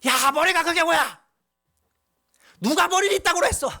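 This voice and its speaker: A stern father figure yells at his child in a sharply raised voice, harsh and scolding, as a pastor acts him out in a sermon. The pitch jumps high and the shouting sits a little back from the mic. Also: normal speed, full character voice. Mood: angry scolding.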